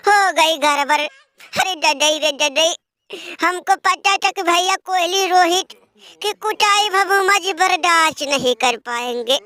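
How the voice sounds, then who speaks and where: A woman's voice: extremely high pitch, pushed and bright, no room sound, exaggerated voice. A woman voicing a melodramatic rustic village friend who wails and laments, in a comic cartoon. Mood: mournful.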